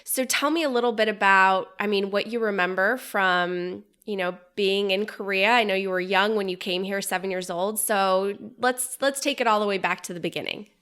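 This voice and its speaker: A woman's voice: mid-range voice, moderate pace, hardly any pauses, a bit bright, clear, resonant tone. A woman from Poland hosting a podcast, eagerly asking her guest about his background. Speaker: podcast host. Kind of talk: interviewing.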